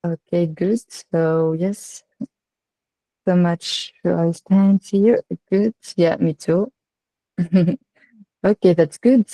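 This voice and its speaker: A woman with a North African accent from Tunisia leads an online workshop. Her voice is slightly low and mellow. She speaks haltingly, pausing often on fillers, and the sound is dry and close. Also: fairly even intonation, no echo, rough recording. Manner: halting, with frequent filled pauses. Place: online video call.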